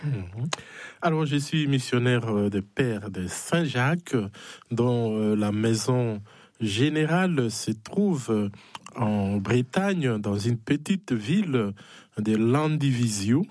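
In a clean studio recording with no echo, a Congolese missionary priest from the DRC shares personal testimony during a conversational interview. His mid-range, darkish voice moves slowly with lively intonation, carrying a Congolese French accent, hesitant and dotted with small affirming tags.

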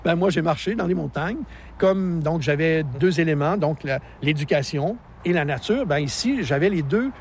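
This Québécois-accented man in his sixties is a keen park naturalist explaining the landscape in an outdoor interview, laughing easily as he goes. He speaks at a moderate pace in a slightly high voice, and a little hiss or hum is audible.

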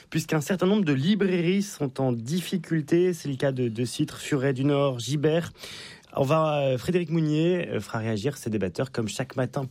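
A man's voice: a little high, a little mellow, no echo. A man hosting a morning radio show, presenting live with informal, teasing banter. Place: radio studio.

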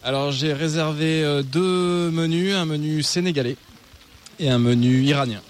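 A man, a customer at a food event, answering in a relaxed, thoughtful way with fillers. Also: fairly high pitch, moderate pace. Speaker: customer interviewee.

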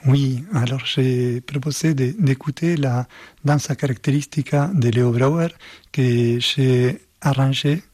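Husky man. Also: medium pitch, steady tone, a little mellow, no room sound. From Argentina. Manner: slow, halting, searching for words. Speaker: guest composer and performer. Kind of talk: radio interview.

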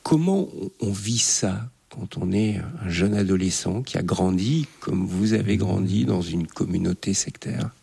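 A man's voice: low-pitched, unhurried, creaky, hardly any pauses, darkish tone, slightly rough. A man interviewing a guest, asking probing, empathetic questions.

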